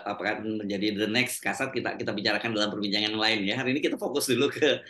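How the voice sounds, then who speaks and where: A man's voice: lowish voice, fairly even intonation, racing, sharp tone, reverberant. A man hosting a casual discussion, prompting with questions and hesitations. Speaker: host.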